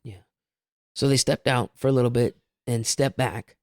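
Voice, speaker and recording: A man's voice: medium pitch, moderate pace, darkish tone, no room sound, studio quality. A man telling his family's story as a guest, candid and rambling, with a few self-aware laughs. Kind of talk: casual personal storytelling.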